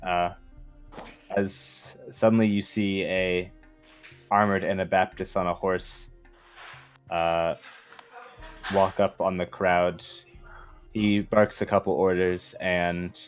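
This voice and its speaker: Deep, slow-talking man running a game. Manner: slow, halting narration with many fillers. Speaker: game master. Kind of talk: narrating a tabletop game.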